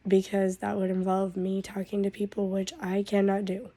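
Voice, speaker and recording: A woman vlogger with a hoarse, worn-out voice from a cold, talking in a weary, drawn-out way. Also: medium pitch, monotone, mellow, dry recording. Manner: drawn-out, weary talk with a cough. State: hoarse from losing her voice; stuffed up with a cold. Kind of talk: casual vlog update.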